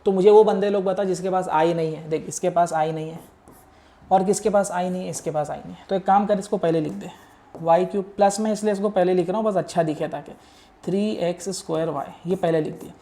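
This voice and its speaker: A man's voice: high-pitched, steady tone, a little fast, mellow. A young man teaching engineering math in an exam-prep lecture, talking casually and coaxing his students along as he works each step aloud while writing. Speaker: math tutor.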